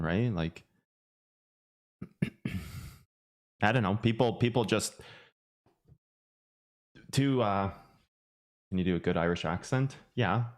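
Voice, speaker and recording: A man who hosts a finance channel, talking in a loose, rambling way with many restarts and fillers. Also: low-pitched. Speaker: finance YouTuber. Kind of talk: casual livestream chat.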